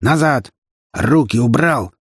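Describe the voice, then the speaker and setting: A man's voice: medium pitch, animated, slow pace, slightly rough, no room sound, studio quality, pitched above the performer's own voice. A man voicing a stern police officer who barks curt orders at a crowd. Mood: commanding.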